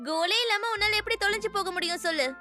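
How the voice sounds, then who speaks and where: A very high, bright girl's voice carries this carefree anime schoolgirl, bubbly and eager to explore. She talks in a bold, upbeat way that urges her friend on. Background music runs under her lines. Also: fast. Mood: encouraging. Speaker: new classmate. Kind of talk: Tamil anime dub acting. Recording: dub over background music.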